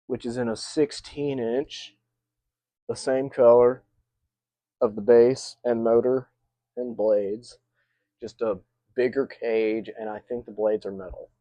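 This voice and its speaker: Guy talking slow and easy, rambling on about his vintage fan, dry close sound. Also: mid-range voice, fairly even intonation, dark tone, no echo. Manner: rambling, with restarts and asides. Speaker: vintage fan collector channel host. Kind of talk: casual demo video narration.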